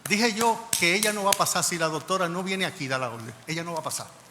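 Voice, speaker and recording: A man's voice: high voice, fast talker, natural voice. A man, acting out a stubborn male embassy door guard who curtly repeats his refusal, as part of a sermon story. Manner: curt, insistent, repeats himself. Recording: reverberant church hall, faint noise.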